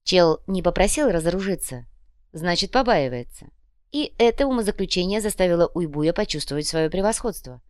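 A woman narrates an audiobook in an even, measured way. Her voice sits fairly low, and the recording is dry and close, with no room sound at all. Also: dry recording. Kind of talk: scripted narration.

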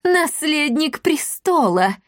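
A woman's voice: high-pitched, unhurried, no echo, clean studio sound, voice pushed up. Woman doing a gloating, hissing sorceress. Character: furious scheming sorceress woman.

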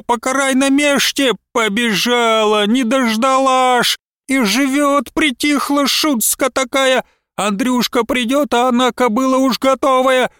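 A woman's voice: fairly bright tone, clear, resonant tone, no echo, studio quality. A man reading a story, voicing a furious old peasant mother-in-law who curses and screeches with a lisp. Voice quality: shrill, lisping screech. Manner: cursing, wailing, hurling insults.

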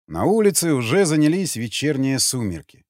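A man giving an expressive, measured dramatic audiobook narration. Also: mid-range voice, no echo. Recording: dry close mic, faint music.

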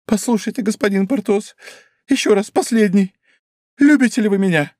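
A man's voice: normal speed, darkish tone, dry recording, studio quality, lightly acted. A man voicing a miserly, lovestruck middle-aged prosecutor's wife who pleads and scolds. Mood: eager. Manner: pleading, shrill, emotional.

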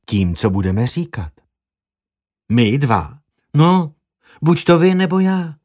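A man's voice: fairly high pitch, very animated, darkish tone, pitched above the performer's own voice. A man reading an earnest coaxing young woman. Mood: explaining.

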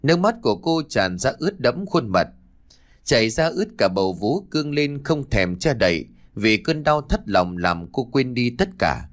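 A man's voice: mid-range voice, sing-song, moderate pace. A man reading a sad story aloud as an audiobook narrator, in a somber, dramatic storytelling manner.

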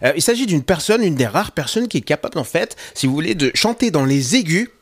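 A man hosting a music radio show, talking casually and often pausing with filler sounds into a studio microphone. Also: on the high side, big pitch swings, slightly rough. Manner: hesitant, full of filler sounds. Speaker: radio host.

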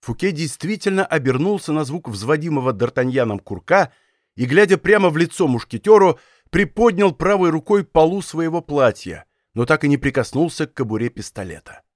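A male narrator performs an adventure novel as scripted audiobook narration, measured and dramatic as he builds up a chase's tension. He has lively intonation and a voice slightly high for a man. The studio recording is close and dry, without echo or room sound.

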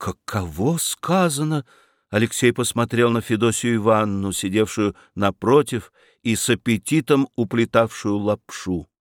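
A man narrating a story in a measured, expressive reading. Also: lowish voice, no echo, studio quality.

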